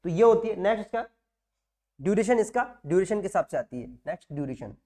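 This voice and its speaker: With a high, expressive voice that is dark in tone, a man moves at a quick pace through nursing exam material. He lectures as in a classroom, repeating key words and answering questions he raises himself.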